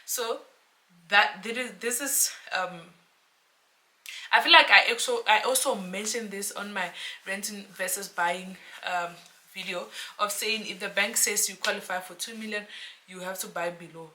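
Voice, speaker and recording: A South African woman, a real estate agent, chatting to camera in a casual explainer vlog, animated and talking to her viewers like friends. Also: medium pitch, normal speed, a little hiss or hum. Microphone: camera mic, self-filmed.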